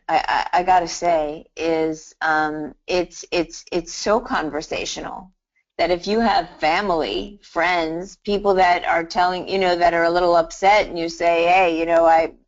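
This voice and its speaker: Teaching hypnotherapy during a live online call, a middle-aged woman tells stories in a chatty manner, restarting often and saying "you know". Her voice is on the low side at a normal speed, and the audio is dull.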